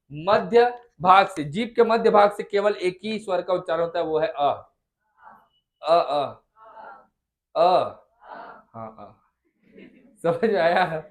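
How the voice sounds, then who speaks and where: A man with a Chhattisgarh Hindi accent teaching a class in a fairly high voice. He sounds out each vowel again and again. He keeps coaxing his students and asking whether they have understood. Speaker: Hindi tutor. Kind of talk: classroom lesson.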